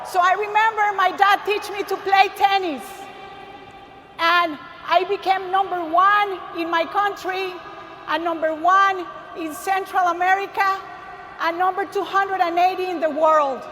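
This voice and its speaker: A woman's voice: very high-pitched, steady tone, a little slow, pushed and bright, a little hiss or hum. A woman from Costa Rica with a Costa Rican Spanish accent, giving an emphatic faith testimony to a large audience, calling out to the crowd. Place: large arena stage. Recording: long hall reverb, faint ambience.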